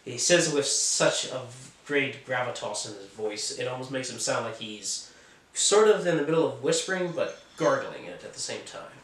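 A chatty man reviews a film in an opinionated, joking way. His voice sits at a middle pitch and picks up a roomy echo. He sounds some distance from the mic. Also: lively intonation, normal speed, fairly bright tone. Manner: chatty and opinionated, with offhand jokes. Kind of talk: casual film review chat.

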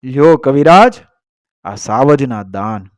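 A man voicing a proud, fearless Rajput king who speaks in a calm, commanding way in a told folk tale. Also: medium pitch, takes it slowly, clean tone, dry recording, clean studio sound.

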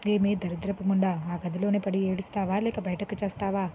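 A woman's voice: mid-range voice, little pitch movement, a little fast, lightly acted. A woman reading a story aloud, voicing a cruel mother-in-law who snarls and scolds. The sound is tinny and phone-like with a faint hiss. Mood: harsh scolding.

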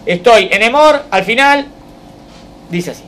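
A man, a rabbi, teaching a Torah lesson to students in a study hall, reciting verse slowly and then explaining it while checking that the class follows. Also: extremely high pitch, animated, fairly bright tone. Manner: keeps checking understanding with the class.

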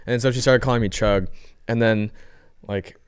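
A man's voice: fairly low pitch, fairly even intonation, normal speed, smooth, dry recording. A young man from the Seattle area, telling a story in a laid-back, casual podcast chat. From Seattle area, USA. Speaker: podcast co-host.

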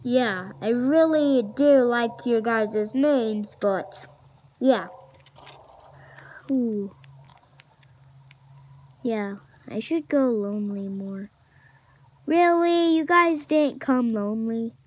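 A young woman chatting casually while playing a video game, excitable and chatty, shouting at opponents now and then. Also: fairly high pitch, drawn-out words, long pauses. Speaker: gamer. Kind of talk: casual gameplay commentary.

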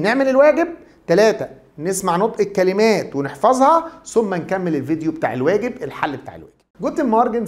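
Fast-talking Egyptian man teaching a lesson. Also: high voice. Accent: Egyptian Arabic. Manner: brisk, chatty, asks and answers his own questions. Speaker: German language teacher. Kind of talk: classroom video lecture.

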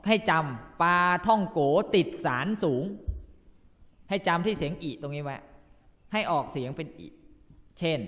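A male language teacher drills pronunciation, saying each syllable deliberately and repeating it for his students. His voice sits a little high and swings lively up and down as he talks at an unhurried pace. A long reverb trails after his words. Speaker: Thai language tutor. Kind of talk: classroom-style lesson.

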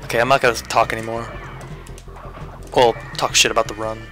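A man's voice: mid-range voice, little pitch movement, fairly quick, fairly bright tone, soft background music. A man giving live commentary on his own speedrun, swearing and muttering to himself as he plays. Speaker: speedrunner streaming a run.

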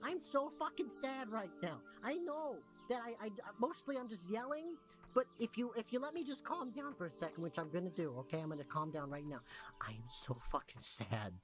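A woman's voice: on the high side, expressive, a little fast, natural voice. A woman voicing a tiny, overly emotional cutie creature who greets visitors to her town, in video game dialogue with a sweet, cutesy, melodramatic manner. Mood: depressed ranting. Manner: sweet, cutesy, melodramatic, swings into wailing despair. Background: game music.

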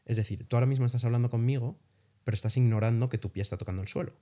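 A young Spanish man, a guest on a casual interview, recounts his travels in an animated way, swearing lightly as he goes. He talks very fast at a medium pitch.

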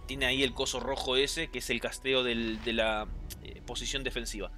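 A man with a Rioplatense Spanish accent giving chatty, excitable gameplay commentary, reading game lines aloud and answering chat. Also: medium pitch, normal speed, faint music behind. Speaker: gameplay streamer.

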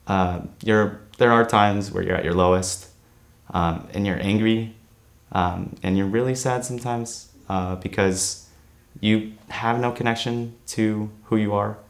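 A seventeen-year-old young man born in Korea, answering interview questions earnestly with frequent "um" pauses, in a studio. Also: fairly low pitch. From born in Korea, raised in New Jersey. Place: studio against grey backdrop.

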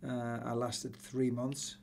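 A gravelly, middle-aged soccer coach from Newcastle, England, reminisces casually as a guest in a podcast interview, speaking slowly and monotonously in a medium, slightly mellow voice. He is recorded on a podcast boom microphone in a small indoor room fitted with acoustic panels, with slight background noise.

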